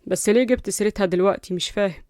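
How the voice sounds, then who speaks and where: A woman plays a respectful young man, the storybook's hero, with an Egyptian Arabic accent. He speaks quickly in a smooth, clear voice, recorded dry and close. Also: medium pitch, darkish tone, no room sound, natural voice. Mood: curious. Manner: respectful, curious.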